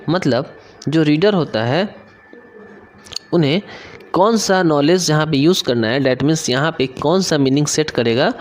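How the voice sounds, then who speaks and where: A young Indian man with a Bihari Hindi accent teaches an online exam-prep class in a slightly high voice. He reads English sentences slowly, then explains them in Hindi and keeps checking that his listeners follow. A faint hiss sits under the recording. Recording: faint background noise.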